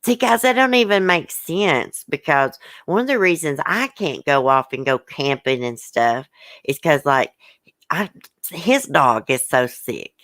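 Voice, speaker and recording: Hurt and upset, this woman hosts a livestream on her YouTube channel, reading out viewer comments and venting emotionally in blunt, colloquial language with plenty of swearing. She sounds expressive and a little slow, her voice sitting low with a fairly bright tone, recorded dry.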